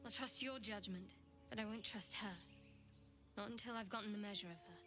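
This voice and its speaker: A distrustful half-elf woman voiced by an actress in a fantasy video game. Her mid-pitched delivery is dry and cutting, over faint music. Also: fairly quick, natural voice. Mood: wary.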